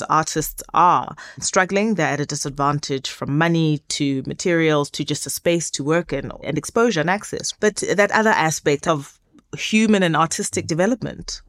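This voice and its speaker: A woman's voice: low voice, no room sound, clean studio sound. A woman hosting a podcast interview, asking long, winding questions and giving frequent short affirmations. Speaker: podcast host.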